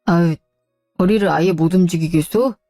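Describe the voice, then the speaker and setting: A woman's voice: on the low side, moderate pace, dark tone, dry recording, clean studio sound, soft background music, natural voice. A woman voicing a grown son in a radio drama, an overworked civil servant who complains in a whiny, defensive way. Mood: concerned.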